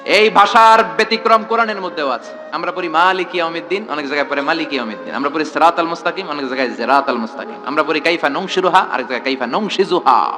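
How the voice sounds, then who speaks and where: A man's voice: on the high side, fast talker, sharp tone, faint music behind. A man preaching a sermon to a large gathering in a tent, throwing rhetorical questions at the crowd and calling for responses.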